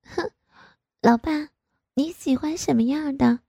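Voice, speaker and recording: A high, coy voice of a pouty young woman, wheedling slowly, put on by a woman reading the story. The tone stays soft and mellow. The recording is dry, with no room sound. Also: creaky, dry recording.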